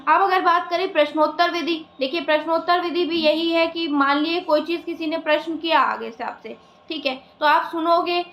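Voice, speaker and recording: A woman's voice: very high voice, steady tone, moderate pace, fairly bright tone, reverberant. A woman teacher giving an exam-prep lesson, explaining step by step with frequent fillers and check-ins.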